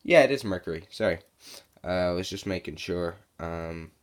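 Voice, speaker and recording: A man's voice: sits low, moderate pace. A man with a sore throat and sniffles giving a casual, rambling video review as a comic book reviewer.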